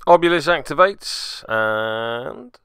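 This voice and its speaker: This man hosts a podcast and also plays, narrating a tabletop game move by move with theatrical flair and dry asides. His mid-range voice is animated, slow and slightly bright, with faint music in the background.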